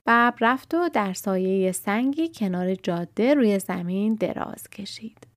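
A woman narrating a children's story in a calm, expressive reading voice. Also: mid-range voice, no echo, clean studio sound.

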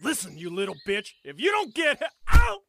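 An actor playing a wounded adult man, desperate and angry, who groans in pain, swears and shouts for help. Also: medium pitch, wildly swooping pitch, brisk, creaky, noisy background. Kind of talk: audio drama acting.

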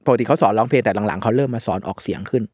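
A man in his thirties telling stories in casual chat, with a sharp voice pushed from the throat and an animated, swearing-among-friends manner. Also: medium pitch, very fast, breathy edge, no echo, clean studio sound. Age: 30s. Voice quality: sharp throat-driven voice that tires easily. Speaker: podcast guest.

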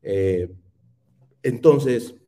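A man's voice: mid-range voice, drawn-out words, warm tone. A man with a Peruvian Spanish accent hosting a casual livestream, talking in a sarcastic, rambling, teasing way. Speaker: podcast host.

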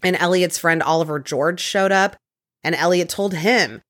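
A woman hosting a podcast, casually recounting a true-crime case with quick conversational asides. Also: lowish voice, fairly bright tone. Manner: conversational, quick asides, occasional put-on quotes. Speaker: podcast host telling a case.

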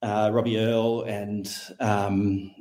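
A middle-aged Australian man with a fairly low voice talks loosely through a podcast interview. He wanders, hesitates and corrects himself mid-sentence. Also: little pitch movement, slow, dark tone. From Western Australia. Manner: rambling, self-correcting, thinks aloud with frequent hesitations. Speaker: podcast guest. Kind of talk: casual conversational interview.

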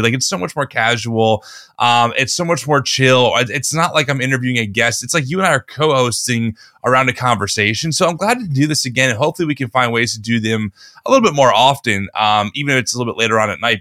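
A podcast host tells a long story in a casual chat, restarting in a relaxed way, with a bright, forceful tone. His slightly hoarse, medium-pitched voice is recorded up close on a dry studio mic with no room sound.

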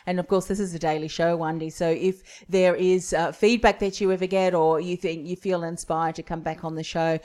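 A woman's voice: fairly low pitch, steady tone, moderate pace, hardly any pauses, darkish tone. Encouraging woman hosting an interview. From Australia. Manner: encouraging, long flowing questions. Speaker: podcast host.

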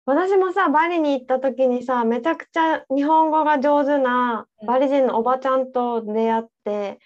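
A young woman with a high, bright voice chats casually as a podcast co-host, telling travel stories and laughing easily. The sound is a little dull and lo-fi. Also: moderate pace. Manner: chatty storyteller, laughs often. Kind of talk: casual chat.

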